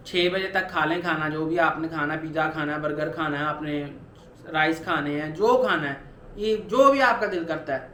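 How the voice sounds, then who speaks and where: A man's voice: high-pitched, a bit bright, roomy sound, slight background noise. A man in his twenties talking earnestly in a personal vlog, urging viewers on with repeated motivational points. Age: 20s. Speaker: vlogger. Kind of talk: personal weight-loss vlog.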